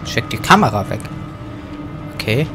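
A man commenting casually on a horror game as he plays it, joking to himself, dropping to whispers at tense moments and breaking into loud outbursts. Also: medium pitch, very animated, normal speed. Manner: joking running self-talk, sudden loud outbursts. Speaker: let's play gamer. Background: faint game music.

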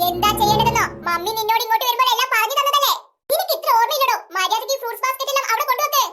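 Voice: extremely high pitch, racing, heavy background noise. A voice actor playing bossy little schoolgirls in a cartoon, chirpy and scolding. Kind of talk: cartoon voice acting.

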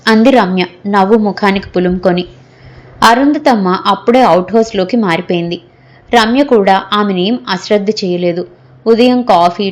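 A woman narrating a serialized audio novel in a steady, even storytelling manner. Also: mid-range voice.

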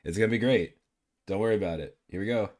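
A man's voice: on the low side, quick pace, a little mellow, a little hiss or hum. A man streaming live as a VTuber, chatting casually in a playful, rambling way and swearing freely.

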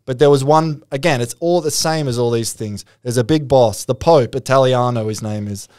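Swearing his way through a crime tale, an Australian man co-hosting a podcast meanders along and acts out the people he quotes in different voices. He speaks at normal speed in a mid-range, slightly mellow voice. The sound is clean studio audio with no room sound.

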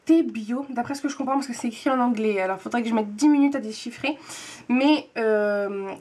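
A young woman in her twenties chatting to camera as she unboxes a monthly tea box, gushing and repeating words for emphasis. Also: sits high. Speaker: book and tea vlogger. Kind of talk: casual unboxing chat to camera.

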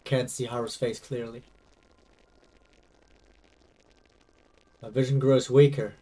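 A man's voice: medium pitch, steady tone, fairly quick, warm tone, slightly rough, distant mic, natural voice. A man reading aloud as a young male game protagonist, confused and anxious, over faint game music. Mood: pained.

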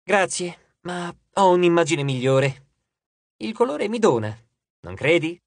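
A conceited young beauty, put on by a male audiobook reader, drawls in languid self-admiration. His voice swings widely in pitch and sits close in a dry, deadened recording. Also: expressive, a little slow, creaky, dry recording, heavily acted. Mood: smug, dreamy. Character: vain, self-adoring handsome young man.

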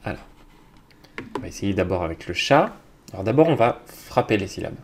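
A man teaching young children, talking slowly and patiently, with hesitant fillers. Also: deep voice, very animated. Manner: speaks slowly to a child, hesitant fillers, loudly claps out each word. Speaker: kindergarten teacher.

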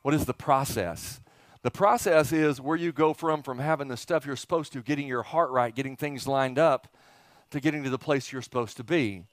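Here a middle-aged man, a pastor, gives a casual, back-and-forth sermon in a church auditorium, cracking jokes, asking his listeners rhetorical questions, and hammering phrases home through repetition. His voice sits at medium pitch and moves at a moderate pace. A headset mic captures it dry.

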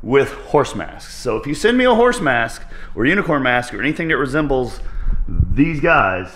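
A man in his thirties chatting casually to camera for a fitness vlog, goofy and excitable, jumping between loud bursts and low asides. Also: normal speed, a little hiss or hum. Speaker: fitness vlogger. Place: echoey home gym. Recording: echoey room.

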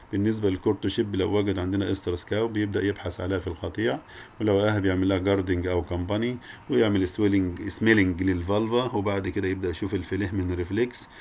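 A man's voice: low-pitched, vocal fry, darkish tone, a little hiss or hum. A man with an Egyptian Arabic accent giving a recorded academic lecture, peppering his speech with English technical terms. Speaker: veterinary lecture presenter.

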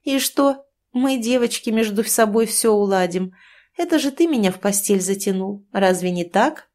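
A woman's voice: mid-range voice, expressive, moderate pace, darkish tone, close to an everyday voice. A woman reading an audiobook, voicing a scheming, sarcastic young woman who taunts her lover. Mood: mocking.

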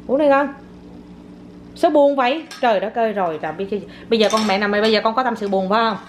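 High-pitched mother, playful and exclamatory, filmed on a phone in a noisy kitchen. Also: quick pace. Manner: playful, teasing, full of exclamations. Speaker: mother filming her child. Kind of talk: casual home vlog. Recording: noisy home phone recording.

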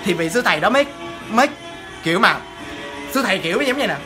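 A woman telling a ghost story in a chatty, animated way, talking straight to her listeners. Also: medium pitch, quick pace, over music.

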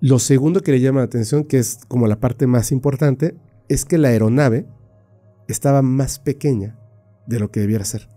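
A man retelling a story on a podcast in a casual, animated way, with frequent fillers and the odd mouth sound effect. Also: mid-range voice, normal speed, faint music behind.

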